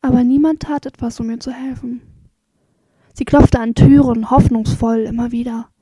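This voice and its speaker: A woman reading dark short stories aloud in a slow, dramatic manner, often sinking to a whisper. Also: a little high, steady tone, breathy edge, dry recording.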